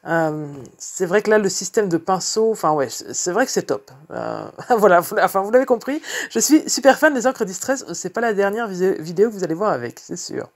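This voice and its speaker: A woman's voice: medium pitch, expressive, brisk, hardly any pauses. A woman chatting casually in a craft vlog, rambling with many fillers and restarts. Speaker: card-making crafter.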